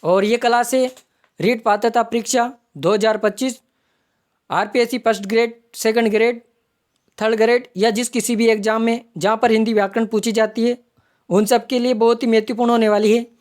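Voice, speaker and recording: A woman's voice: fairly high pitch, steady tone, normal speed, a little mellow. A woman teaching an online exam-prep grammar lesson, explaining step by step and repeating each term as she points it out. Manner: explanatory, repeats terms while pointing them out.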